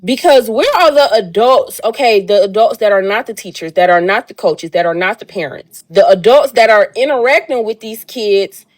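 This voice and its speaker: A woman's voice: medium pitch, lively intonation, normal speed, hardly any pauses, a little mellow. A woman in an impassioned opinion rant, emphatic and exasperated, hammering her points with repetition.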